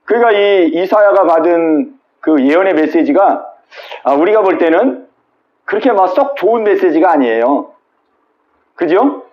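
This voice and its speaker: A man's voice: high voice, expressive, moderate pace, lo-fi sound. A male pastor preaching a Wednesday sermon at a small church, retelling scripture with dramatic quoted voices and asking the congregation questions.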